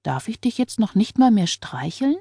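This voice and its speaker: A woman's voice: a little high, sing-song, moderate pace, mellow, husky, dry recording, clean studio sound, pitched above the performer's own voice, exaggerated voice. A woman reader voicing a controlling husband who scolds and soothes with menace. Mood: falsely tender.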